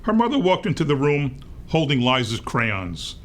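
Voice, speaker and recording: A man reading a picture book aloud to young children in an expressive read-aloud manner. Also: fairly high pitch, normal speed. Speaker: storybook reader.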